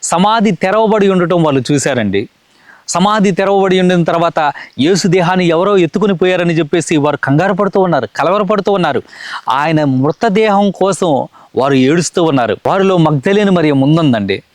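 Earnest high-voiced male preacher. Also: lively intonation, a little fast, dry recording. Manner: earnest, repetitive preaching cadence. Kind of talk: sermon.

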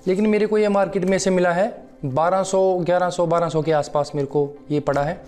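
This young man has a high voice with fairly even intonation and a slightly mellow quality, and he talks fairly quickly. Sitting on his living room sofa with a lapel mic, the fitness vlogger reviews a supplement to camera in a friendly way, often addressing viewers as friends.

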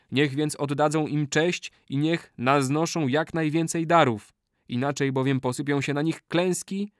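A man reading a classic novel aloud as an audiobook narrator, in a measured, steady storytelling manner. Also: medium pitch, dry recording, studio quality. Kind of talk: scripted narration.

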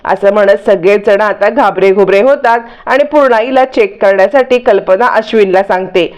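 A woman narrating a spoken recap of a TV serial, telling it briskly with fillers. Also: mid-range voice, a little mellow. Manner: fast storytelling with fillers. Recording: dull lo-fi recording.

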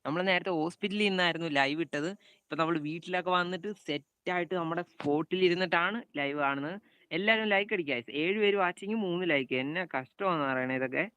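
A man's voice: a little high, fairly quick, sharp tone, clean tone, dry recording. A young man with a Malayali accent streaming a football video game live, calling out plays and greeting viewers by name. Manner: chatty, calls out passes and greets viewers by name.

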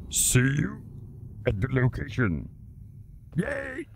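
A man whose voice is sped up into a squeaky chipmunk pitch as he walks viewers through a game. His manner is playful and jokey, with a lively, swooping delivery and a faint hiss of noise behind him. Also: drawn-out words, vocal fry. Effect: sped-up playback, high chipmunk-like voice. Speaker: game guide host. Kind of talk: casual gameplay walkthrough.

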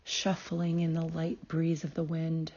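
Guiding a meditation, this healer and host speaks in a calm, soothing way at a very slow pace, letting long pauses fall between phrases. Her voice is a little low, mellow, and soft at the edges. The audio is slightly dull.

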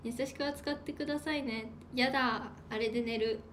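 A woman's voice: on the high side, steady tone, moderate pace, a bit bright, a little hiss or hum. A woman from Hokkaido, an idol livestreaming alone, who chats casually, reads out viewer comments and thanks people while eating. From Hokkaido, Japan. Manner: chatty, playful, eats while talking. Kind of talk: casual solo livestream chat.

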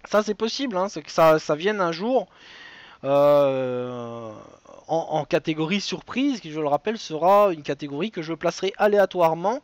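Talkative French quiz host, high voice. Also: male voice, a bit bright, dry recording. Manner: chatty, joking asides, many restarts. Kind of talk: live-streamed quiz hosting.

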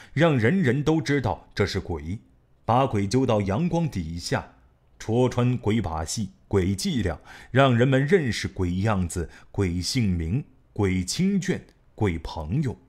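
A man reading an audiobook in an expressive storytelling manner. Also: fairly low pitch, measured pace. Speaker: audiobook narrator. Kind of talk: scripted audiobook narration.

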